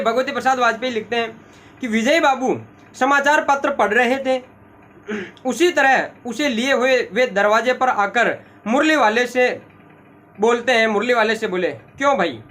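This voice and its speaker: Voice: medium pitch, fairly bright tone. A teacher walking students through a story lesson. The telling is dramatic and repetitive, with scenes acted out along the way.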